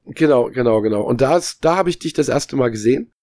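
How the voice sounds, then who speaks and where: A man's voice: mid-range voice, animated, fast, a little mellow, no echo, clean studio sound. A man in his late forties from Germany, guest on a podcast, talking casually and rambling with many restarts and fillers. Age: 40s. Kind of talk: casual chat.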